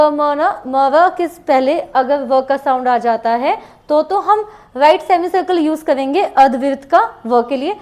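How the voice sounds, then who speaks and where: A woman teaching shorthand, slowly spelling out letters and repeating each example word twice. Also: sits high, a little mellow. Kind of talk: classroom lesson with board writing.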